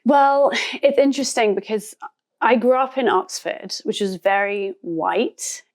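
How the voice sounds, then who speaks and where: A woman's voice: mid-range voice, a little slow. Laughing British woman guest. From England. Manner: animated, reflective, laughs often. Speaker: guest, author. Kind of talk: casual interview.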